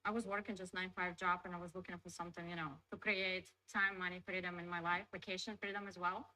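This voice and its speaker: A Russian-accented woman chatting as an interview guest, and her sentences spill out quickly with lots of "like" and "you know". Her voice sits fairly low for a woman but rings bright and forward. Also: flat delivery, a little hiss or hum, poor audio. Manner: chatty, loose phrasing full of "like" and "you know". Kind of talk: casual interview.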